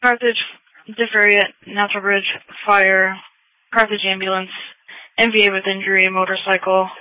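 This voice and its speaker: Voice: medium pitch, little pitch movement, moderate pace, no echo. An emergency dispatcher giving terse, clipped calls over a two-way police radio. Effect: two-way radio transmission. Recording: muffled dry radio audio.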